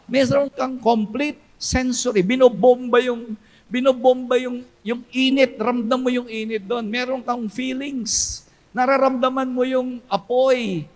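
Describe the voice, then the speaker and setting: A man preaching a sermon as pastor, swinging between loud cries and low hushed storytelling.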